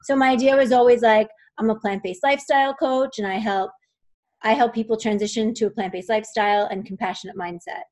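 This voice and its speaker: A woman's voice: on the high side, steady tone, fairly quick, a little mellow. A middle-aged woman asking for advice on a coaching call, hesitant and unsure. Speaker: coaching client. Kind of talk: casual chat.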